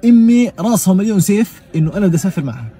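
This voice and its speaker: A young man with a Gazan Arabic accent speaks to camera at a very quick clip. His voice sits low and mellow rather than bright, and he piles on oaths to stress each point. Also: sing-song. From Gaza. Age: young adult. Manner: emphatic, swears oaths often, talks rapidly. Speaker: vlogger. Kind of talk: casual personal monologue.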